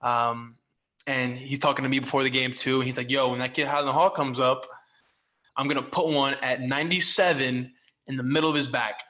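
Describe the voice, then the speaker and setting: A young man co-hosting a podcast, telling a baseball story in casual chat and loudly acting out the quotes. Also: mid-range voice, brisk. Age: young adult. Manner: animated, acts out quotes loudly. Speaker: podcast co-host, former baseball player. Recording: echoey room.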